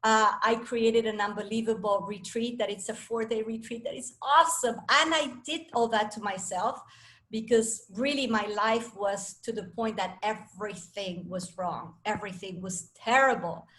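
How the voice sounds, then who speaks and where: Woman from Venezuela, fifties, coach addressing a room, upbeat and sure of herself, somewhat high voice. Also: moderate pace, a bit bright. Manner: enthusiastic, self-assured, chatty with restarts. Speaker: speaker and coach. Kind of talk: talk to a live audience.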